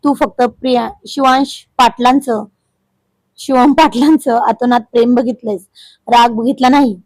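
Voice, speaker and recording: A proud village husband with a short temper, stern and threatening, as a woman narrator puts him on. The voice stays fairly high, unlike a man's, and the recording is dry and close. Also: steady tone, normal speed, darkish tone, dry recording, natural voice.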